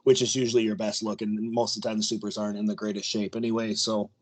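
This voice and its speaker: A man's voice: on the low side, flat delivery, fast. Hesitant male podcast host. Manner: hesitant, many fillers. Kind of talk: casual interview talk.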